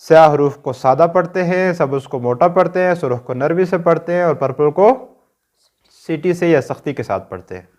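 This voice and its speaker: A man's voice: a little high, moderate pace, darkish tone. Patient Pakistani-accented male reading teacher. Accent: Pakistani Urdu. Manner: patient, drills sounds one by one and checks understanding. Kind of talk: recorded instructional lesson.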